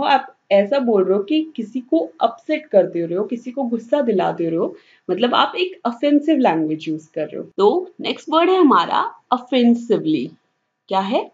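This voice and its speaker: A woman teaching English vocabulary online in Hindi mixed with English, saying each word slowly and then repeating it. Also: on the high side, lo-fi sound. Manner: mixes English words into Hindi explanations.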